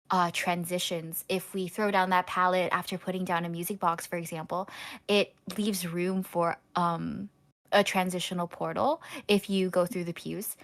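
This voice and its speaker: A woman commentating a live online gaming tournament, walking through tactics step by step. She talks in a loose, analytical way, with plenty of "um" and "like" as she thinks aloud. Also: lowish voice. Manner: analytical, explains strategy with frequent fillers. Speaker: esports caster.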